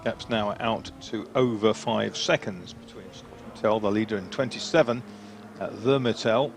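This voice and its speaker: A man working as a motorsport co-commentator, adding measured, hesitant analytical asides to live race commentary. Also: lowish voice, creaky. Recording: noisy trackside outdoor sound, vehicles behind.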